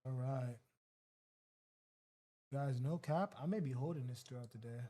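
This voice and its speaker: A man's voice: medium pitch, a little slow, mellow. A man hosting a trading livestream, giving casual, slangy live commentary and talking to his chat.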